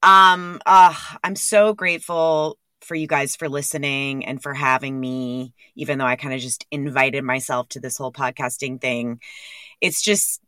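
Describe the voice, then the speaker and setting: A woman's voice: a bass voice, little pitch movement, normal speed, pushed and bright, no echo, clean studio sound. A woman hosting a podcast, talking candidly and rambling with casual swearing. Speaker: podcast host. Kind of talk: candid monologue.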